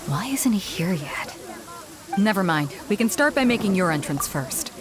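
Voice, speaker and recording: A woman's voice: mid-range voice, animated, normal speed, crowd noise, natural voice. A woman voicing a bold, confident female ship captain in a game, with a theatrical, commanding manner. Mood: impatient. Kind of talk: booming announcer speech and casual asides in game voice acting.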